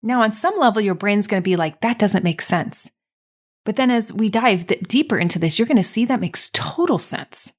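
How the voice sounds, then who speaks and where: A woman's voice: mid-range voice, normal speed. A middle-aged woman hosting a motivational podcast, talking emphatically and acting out what people say. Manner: emphatic, animated, acts out quotes. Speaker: podcast host and drinking coach.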